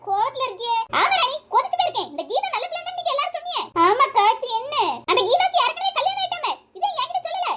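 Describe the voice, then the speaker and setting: A woman playing a quarrelsome village auntie who scolds and shouts in a comedy sketch. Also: very high-pitched, lively intonation, quick pace, hardly any pauses, slight background noise. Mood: indignant. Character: furious, loud village auntie picking a fight.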